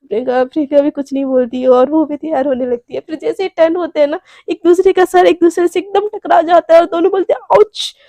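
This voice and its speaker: High-voiced woman telling a story. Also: steady tone, fast, hardly any pauses, mellow, no room sound. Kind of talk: casual told love story.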